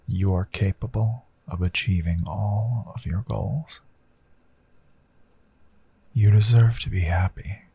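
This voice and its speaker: A man plays the Count, a gentle hypnotist and audio host who calmly reassures listeners through a slow, hushed guided meditation in ASMR style. The fairly low, steady, exaggerated voice is very husky and breathy with gravelly fry, often dropping to a whisper, its hush carrying a crisp bright edge. He stays soothing and deliberate, pausing at length.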